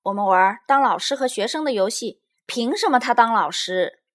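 A woman's voice: on the high side, expressive, normal speed, pitched above the performer's own voice, lightly acted. A woman playing a bratty little bear cub girl. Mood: curious. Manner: indignant, shouty.

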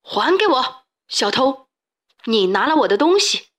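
A slow, commanding ghost pharaoh from a children's storybook, as a woman reader puts him on. His voice sits a little high and drags out each demand with cold anger. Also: expressive, a bit bright, heavily acted. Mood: stern. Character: angry ghostly male Egyptian pharaoh.

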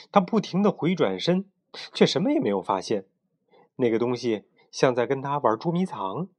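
A man reading a children's bedtime story aloud at home in a lively storytelling manner. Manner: lively storytelling with animated pitch.

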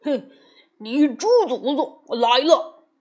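A woman's voice: fairly high pitch, animated, slow pace, breathy edge, full character voice. A woman voicing a greedy, cowardly male pig monk who whines and blusters in a storybook tale. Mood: blustering. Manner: whiny, blustering.

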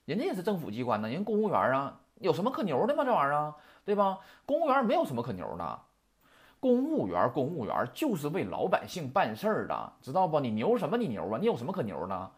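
A man teaches a vocabulary lesson in quick, colloquial speech. His pitch sits a little high and leaps around, and he keeps firing rhetorical questions at the listener. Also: huge pitch swings. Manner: chatty, heated, rhetorical questions. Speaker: Japanese language teacher. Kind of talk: casual lecture with rants.

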